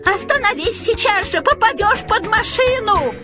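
A woman's voice: sing-song, brisk, music in the background. A woman voicing a stern, grumbling old woman in a storybook reading. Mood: shouting. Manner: scolding, shrill shouting.

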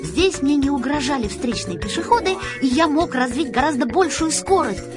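A woman narrating a story in an expressive reading voice. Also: high voice, normal speed, music in the background. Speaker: audiobook reader.

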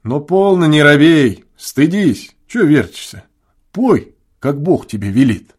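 A man voicing a gruff, contemptuous gentleman who gives curt commands. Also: a little high, big pitch swings, slow pace, full character voice. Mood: stern.

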